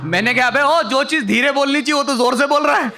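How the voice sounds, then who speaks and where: A man's voice: very high-pitched, fast, loud music behind the voice. A young man performing a stand-up comedy set on stage, telling a story and acting out the other people in it. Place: stage before a live audience.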